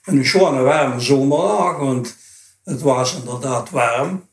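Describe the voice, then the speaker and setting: A man's voice: mid-range voice, takes it slowly, creaky. Elderly male interviewee, late 80s, broad Dutch Limburg accent, rambling colloquial storyteller, roomy recording. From Dutch Limburg, Netherlands. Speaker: interview guest. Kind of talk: informal spoken reminiscence. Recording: echoey, roomy sound.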